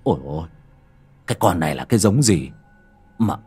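A nervous exorcist master as a man puts him on talks quickly and a touch lower than the narration. He sounds jittery and hurried, from a spoken horror tale. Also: very animated, dark tone, slightly rough, soft background music, exaggerated voice. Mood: uneasy.

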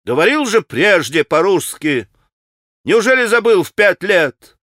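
Storybook role: furious proud young woman, read by a man, raised shrill voice. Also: expressive, unhurried, a bit bright, no room sound, studio quality.

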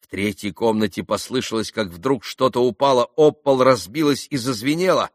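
A man reading a classic novel aloud as expressive scripted narration. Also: lowish voice, no room sound, studio quality. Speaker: audiobook reader.

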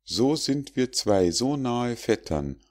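A man voicing a polite, quick-witted squirrel who stays wary, in a storybook fable reading. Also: mid-range voice, very animated, voice pushed up. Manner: courteous, gently mocking.

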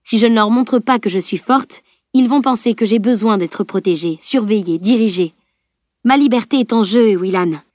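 A woman's voice: medium pitch, moderate pace, a little mellow, no echo, clean studio sound, lightly acted. A woman reading an audiobook voices a self-assured adult woman warrior who speaks firmly and plainly. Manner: firm, plain-spoken.

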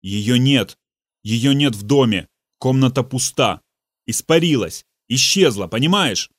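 A man voicing a shaken, irritated husband who snaps back curtly, close to shouting. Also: mid-range voice, animated, a little slow, no room sound. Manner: irritated, snapping.

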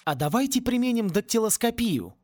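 A man reading an audiobook and voicing an eager, hurried young schoolboy wizard. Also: very high-pitched, sing-song, darkish tone, pitched above the performer's own voice, exaggerated voice.

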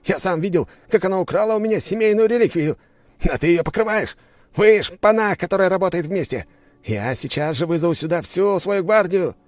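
A man's voice: high voice, lively intonation, fairly quick, no room sound, pitched above the performer's own voice. A man voicing an arrogant, hysterical male aristocrat who screams and stammers in accusation. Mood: shrieking rage.

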